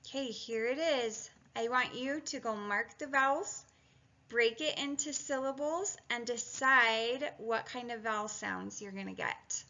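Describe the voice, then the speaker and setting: This woman teaches reading and spelling through a video phonics lesson, guiding students step by step while thinking aloud and breaking words into syllables in a chatty, encouraging way. She speaks unhurriedly in a slightly high, bright, forceful voice. Sound quality is dull and lo-fi.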